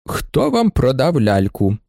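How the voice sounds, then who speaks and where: A man reading aloud and voicing a stern, gruff, middle-aged judge who speaks in measured questions. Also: mid-range voice, wildly swooping pitch, a little mellow, no echo, studio quality, full character voice.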